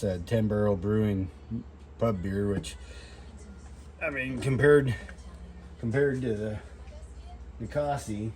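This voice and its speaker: Tipsy guy w a lowish voice, rambling while he does camp stuff, swears a bit, noisy background. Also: darkish tone. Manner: self-deprecating, salty-tongued; tipsy, loose drinking talk. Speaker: outdoor vlogger demonstrating fire starting. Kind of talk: casual rambling chat while doing a task.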